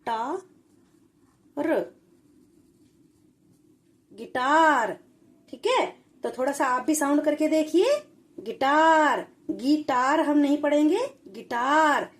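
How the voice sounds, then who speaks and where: Slow, high-voiced woman teaching children. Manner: slow, patient, spells out syllables one by one. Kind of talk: children's Hindi spelling lesson.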